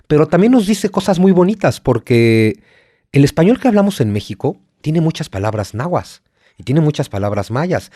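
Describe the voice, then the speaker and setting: A man with a Mexico City accent talks as a guest in an interview, his pitch rising and falling in lively swings. He stacks up points with mounting energy, in a dry, close sound with no room around it. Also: no echo. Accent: Mexico City Spanish. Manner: passionate and emphatic, lists points with rising energy. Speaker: guest historian. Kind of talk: podcast interview.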